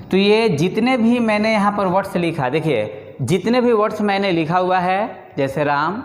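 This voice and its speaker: A man's voice: sits high, lively intonation, moderate pace. A man teaching a grammar lesson in a classroom, explaining step by step and often checking in with his students. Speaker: English teacher. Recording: echoey room with long reverb.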